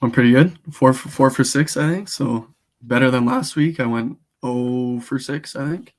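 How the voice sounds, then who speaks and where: A man co-hosting a sports podcast while sick, his voice rough, giving low-key, brief answers. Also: normal speed. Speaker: podcast co-host. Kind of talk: casual sports podcast chat.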